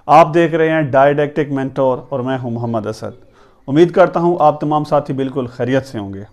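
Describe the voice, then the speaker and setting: A man's voice: medium pitch, a little mellow. A man teaching English pronunciation in an Urdu lesson, spelling words letter by letter and repeating each one.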